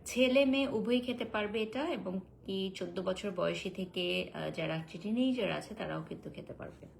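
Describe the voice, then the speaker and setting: A woman talks through a live sales stream into her phone, chatty and direct, answering viewers one after another. Her voice sits at an ordinary middle pitch, with a faint hiss of background noise under it. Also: moderate pace, creaky, poor audio. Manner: chatty, answers viewer comments, code-switches with English fillers.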